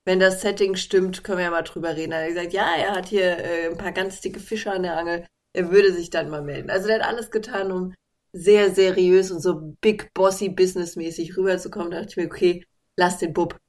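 A young woman, an artist, telling a story in casual chat, animated, blunt and sarcastic. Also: fairly low pitch, a little fast.

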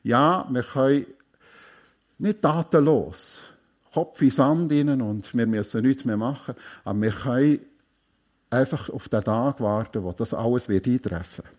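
Delivering a sermon at a measured pace, a man speaks in a medium pitch with strong emphasis. He returns to key phrases again and again, his volume swinging between soft, hushed stretches and loud ones.

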